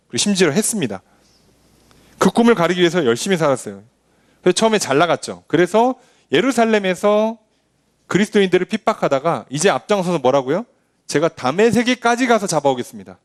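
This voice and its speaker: A man preaching a Sunday sermon as pastor, acting out boastful people with scoffing clicks. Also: fairly high pitch.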